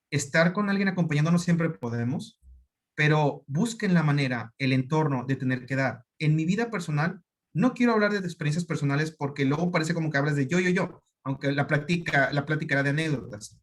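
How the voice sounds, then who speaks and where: A man with a Mexican accent, a doctor giving a conference talk, telling anecdotes in a lively way and acting out the dialogue. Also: on the high side. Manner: lively storytelling, acts out quoted dialogue.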